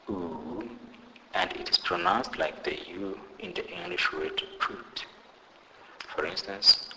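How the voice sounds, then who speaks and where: A man teaching pronunciation in a scripted lesson, deliberately saying each example word twice. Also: deep voice, pushed and bright, big-room sound, a little hiss or hum, poor audio. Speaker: language teacher.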